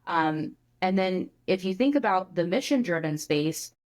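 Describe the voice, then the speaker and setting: A woman who is a guest on a podcast, explaining her ideas in an animated, casual way with many filler words. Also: fairly low pitch, measured pace. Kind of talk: conversational interview.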